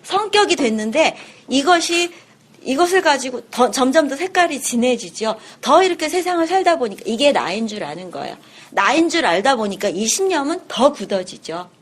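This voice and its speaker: A woman lecturer giving a lively seminar talk, asking the audience questions and acting out little scenes. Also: high-pitched, normal speed, slight background noise. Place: seminar room.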